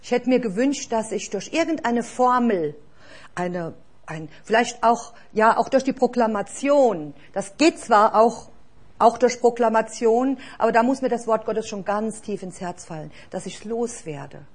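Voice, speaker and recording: A woman's voice: on the high side, animated, a little slow, husky. A woman preaching a sermon in an earnest, exhorting way, asking the listeners direct questions.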